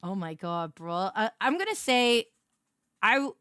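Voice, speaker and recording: A woman hosting a casual livestream, talking in an animated, slangy way with plenty of swearing. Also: mid-range voice, unhurried, clean tone, dry recording, studio quality. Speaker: VTuber streamer and host with a 1950s diner waitress persona.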